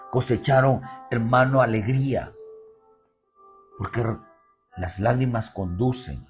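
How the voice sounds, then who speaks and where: Male pastor with a Mexican Spanish accent, mid-pitched, repeats lines and builds emphasis, faint instrument under him. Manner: preaching with repetition and rising emphasis, addressing "hermano". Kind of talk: sermon.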